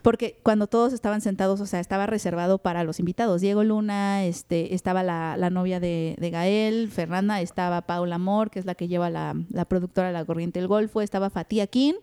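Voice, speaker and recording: A woman's voice: lowish voice, fairly quick, hardly any pauses, clear, resonant tone. A woman, co-hosting a casual chat and telling stories animatedly, acting out the people in them. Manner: animated storyteller, mimics people.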